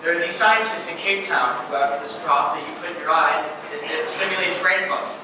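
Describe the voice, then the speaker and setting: A young man playing an earnest, nervous firefighter who speaks haltingly and repeats words in a live stage play. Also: fairly high pitch, close to an everyday voice. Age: teens. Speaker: high school stage actor. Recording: echoey theater taped from far off, hiss.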